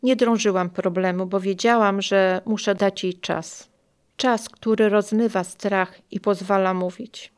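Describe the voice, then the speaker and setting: An older woman reading her own memoir aloud in a calm, measured, quietly emotional way. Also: mid-range voice, clean tone. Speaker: memoir narrator.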